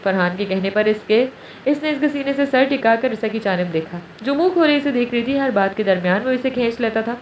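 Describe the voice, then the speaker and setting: A woman narrator reading a romance novel aloud in a steady storytelling manner. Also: on the high side. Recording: roomy, distant, dull, faint hiss.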